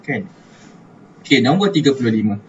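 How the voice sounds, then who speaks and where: A man's voice: medium pitch, animated, a little fast, a little mellow. A man with a Malaysian Malay accent, a religious studies teacher giving an online class, chatty and repeating words as he thinks aloud. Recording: distant mic, dull lo-fi, faint hiss.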